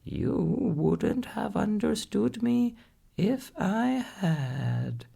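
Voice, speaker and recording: A man voicing a knowing female parrot in a bedtime storybook, in a high, patiently instructive voice. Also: sing-song, vocal fry, warm tone, husky, exaggerated voice. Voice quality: high, falsetto voice. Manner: drawn-out, instructive delivery. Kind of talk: storybook character voice.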